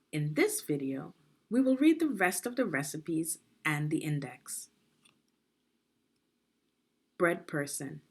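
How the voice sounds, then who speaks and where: A husky, lowish female voice reads aloud like a teacher addressing small children, laying out each point deliberately and checking in with questions.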